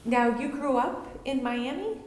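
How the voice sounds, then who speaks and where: A woman's voice: high voice, lively intonation, measured pace, echoey room. A woman interviewing a guest, asking questions and offering affirming comments. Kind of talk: conversational interview.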